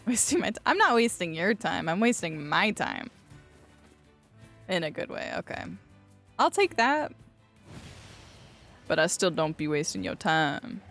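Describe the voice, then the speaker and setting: A woman's voice: on the low side, vocal fry, a bit bright. Young woman streamer, joking and swearing. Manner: joking, swears casually, reads game text aloud. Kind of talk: casual gameplay commentary.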